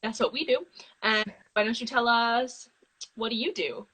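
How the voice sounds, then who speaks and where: Teen girl host for a video-call interview, bright voice sitting high, eager and gushing. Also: husky, rough recording. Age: teens. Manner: eager and gushing, quick to react.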